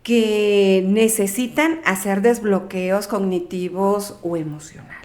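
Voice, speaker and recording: She is a middle-aged woman with a Mexican accent, speaking as a guest in a relaxed interview. Her voice sits at an ordinary pitch for a woman. She talks things through out loud, counts on the fly and now and then stumbles over a word. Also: slow. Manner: chatty, counts aloud, trips over words. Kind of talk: casual interview talk.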